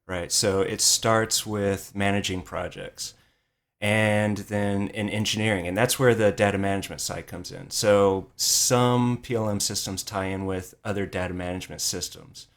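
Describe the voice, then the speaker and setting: A man's voice: on the low side, fairly even intonation, moderate pace. A man co-hosting a podcast, talking casually with hesitant fillers. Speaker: podcast co-host. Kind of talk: casual chat and interview.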